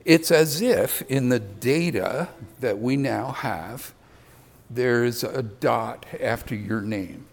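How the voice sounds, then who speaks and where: A man's voice: medium pitch, expressive, slow pace, vocal fry. An older man giving a conversational sermon, with self-deprecating asides. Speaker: preacher.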